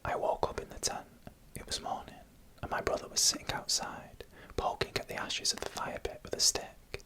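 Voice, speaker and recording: Close to the mic, a narrator tells eerie stories in a breathy, unvoiced ASMR whisper, phrasing things slowly for suspense. The tone still comes across bright and forceful.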